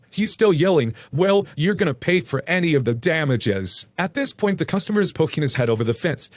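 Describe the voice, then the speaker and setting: Steady man reading stories aloud. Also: a little high, dry recording. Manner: even, steady reading with no fillers. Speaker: narrator. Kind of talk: scripted narration of online stories.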